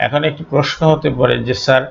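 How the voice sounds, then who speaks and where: A man teaching an English grammar lesson, speaking deliberately, spelling out letters and pausing on frequent fillers. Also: medium pitch, level tone, vocal fry, dull audio, a little hiss or hum.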